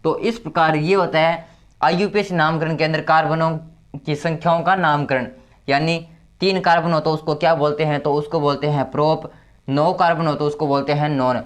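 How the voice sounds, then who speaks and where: A male tutor explains chemistry step by step in a slightly high voice. He repeats his key terms and slows down to count items aloud one by one. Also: fairly even intonation.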